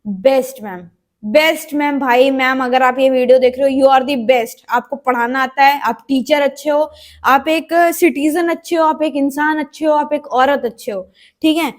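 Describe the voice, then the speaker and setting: A woman's voice: sits high, normal speed. A young woman telling a personal story in a casual storytime vlog, acting out what other people said along the way. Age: young adult. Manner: animated storytelling, acting out quoted voices. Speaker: vlogger.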